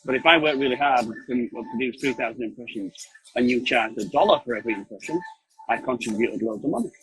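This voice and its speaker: A man with a mid-pitched voice joins a casual chat as a guest on a video call. He explains things emphatically, often asking a question and then answering it himself. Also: quick pace, a bit bright, low-quality recording. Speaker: call-in guest, print production operator. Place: outdoors at a pub.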